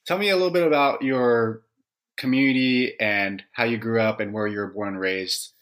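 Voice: medium pitch, normal speed, fairly bright tone. An interview host leads a casual conversation. The host asks questions and answers with upbeat encouragement.

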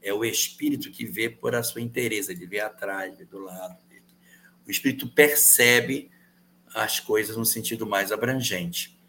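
A man answering viewer questions in a calm, measured explanatory talk, repeating key phrases for emphasis. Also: on the low side, slight background noise. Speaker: spiritist guest answering questions.

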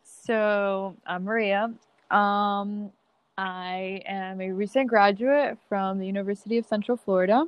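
A woman's voice: mid-range voice, clear, resonant tone, lo-fi sound. A young woman from Colombia, a podcast guest chatting casually and laughing easily with many fillers. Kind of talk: casual interview.

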